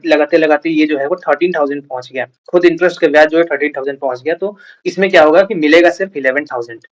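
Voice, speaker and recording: Male exam prep teacher, somewhat high pitch; reads points slowly, then explains them loosely. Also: low-quality recording. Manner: reads English lines slowly, then explains casually with fillers. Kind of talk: lecture mixing Hindi and English.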